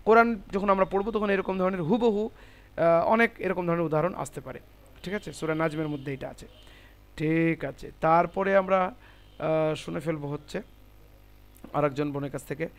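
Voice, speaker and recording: A man's voice: a little high, moderate pace, pauses often. A man teaching Quran recitation in an online class, explaining the rules step by step and patiently correcting his students.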